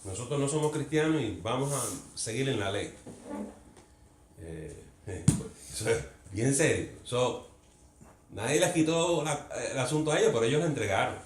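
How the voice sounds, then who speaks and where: A man teaching a Bible study group in an earnest, conversational way, often turning to them with questions and slipping in English words. His voice sits at an ordinary middle pitch. The recording is roomy and echoey, with a faint murmur of ambience behind him. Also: lively intonation, moderate pace, background noise. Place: church meeting room.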